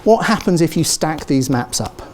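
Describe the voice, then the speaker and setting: In a large lecture theatre, a middle-aged British man wearing a lapel mic delivers an animated university lecture, punctuated by "okay?" and "yeah?" checks with the audience. His voice is a little high, his speed normal, and his accent British English; he's from Britain.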